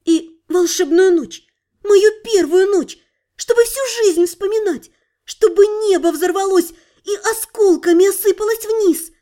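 A woman's voice: very high voice, a little slow, warm tone, voice pushed up. A woman voicing a stubborn, nervous young woman in an audiobook, flustered yet defiant as she pleads her case. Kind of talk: audiobook character voice.

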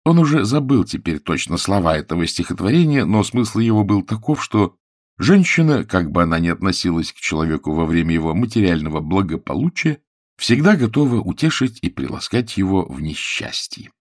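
A man narrating a novel aloud in a wry, expressive storytelling manner. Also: low voice, brisk, dry recording, clean studio sound. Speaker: audiobook reader. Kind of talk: scripted narration.

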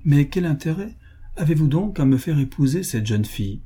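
A man's voice: medium pitch, animated, normal speed, warm tone, husky. A man reading an audiobook voices an impertinent young aristocratic duke with a whistling hiss in his speech. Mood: insistent.

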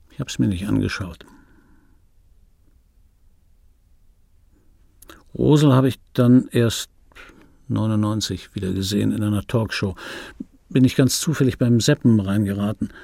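An actor voices a bitter, wistful dubbing actor in his fifties, giving a dry, brooding monologue for a radio play. The voice is husky and gravelly, medium in pitch and dark in tone, with a resigned, wry mood and no room sound.

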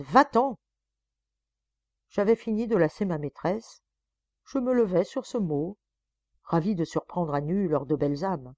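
Low-voiced woman reading a novel. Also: mellow, dry recording. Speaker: audiobook reader. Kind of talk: scripted novel narration.

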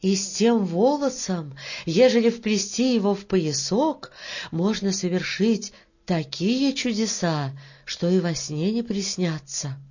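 A woman narrating a fairy tale in an expressive storybook reading. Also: medium pitch. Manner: slow, expressive, lilting. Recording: dull lo-fi recording.

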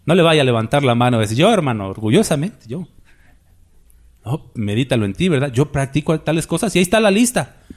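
A man's voice: fairly high pitch, animated, quick pace. A man preaching a sermon, emphatic and full of rhetorical questions to the congregation.

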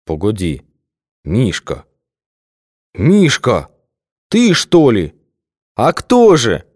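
A man's voice: medium pitch, wildly swooping pitch, drawn-out words, a little mellow, dry recording, studio quality, pitched above the performer's own voice, heavily acted. A man doing a blunt suspicious provincial guard. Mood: gruff. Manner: blunt, terse replies.

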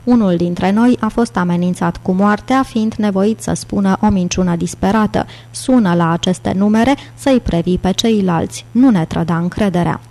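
A solemn, unseen male messenger from a secret order, read by a woman narrator. He lays out grave instructions in a mellow voice at a middle pitch. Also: hardly any pauses, natural voice.

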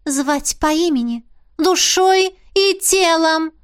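Audiobook role: woman reading a mischievous young ghost girl. Voice goes well above the reader's own and sounds thin and a touch distant, with airy mockery. Prim, teasing, playful. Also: slow. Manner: high, airy and mocking.

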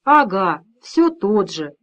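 A woman voicing a middle-aged father who stays calm and firm, speaking steadily with quiet menace. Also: mid-range voice, slow.

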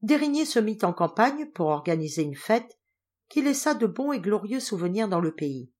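A woman reading a classic novel aloud as an audiobook narrator, measured and clear. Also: mid-range voice, very animated, darkish tone.

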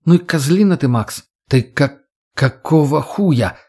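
A man's voice: a little high, animated, a little slow, a little mellow, husky, heavily acted. A man voicing a sly, teasing young redheaded woman who swears and mocks in an audiobook. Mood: mocking.

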